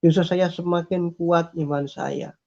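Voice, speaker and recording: A man with a gravelly, dark voice shares a personal faith testimony, earnest and repetitive, often stopping with small fillers. His pitch stays flat and level. The recording sounds dull and lo-fi. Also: measured pace. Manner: earnest, repeats phrases, hesitates with fillers. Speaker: testimony speaker.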